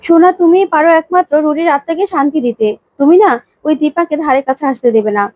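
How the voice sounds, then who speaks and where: A scheming middle-aged woman, sly and manipulative, put on by a woman storyteller. She speaks in an insinuating way, with a high voice and a dry, close sound. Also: animated, fast, darkish tone, dry recording.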